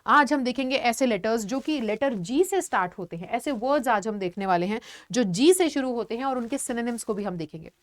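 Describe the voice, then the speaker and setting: Woman teacher with a bright, higher voice. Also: lively intonation, a little fast, few pauses, no echo, studio quality. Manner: explains patiently, addresses students as "beta", frequent "theek hai" check-ins. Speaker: online teacher. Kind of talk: classroom vocabulary lesson.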